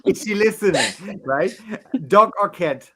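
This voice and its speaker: Blunt, laughing host, higher voice. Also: male voice, measured pace. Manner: blunt, laughs often, repeats words when excited. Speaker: podcast co-host. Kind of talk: casual chat and quick-fire questions.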